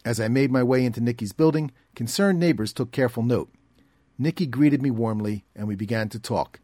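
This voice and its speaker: A man reading a scripted documentary narration in a measured, even way. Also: mid-range voice, no echo. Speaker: narrator and reporter.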